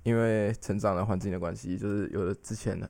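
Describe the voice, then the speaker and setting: Low-voiced chatty man. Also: fairly even intonation, brisk, creaky, darkish tone, no room sound. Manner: rambling, many restarts and English switches. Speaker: podcast co-host. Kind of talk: casual chat.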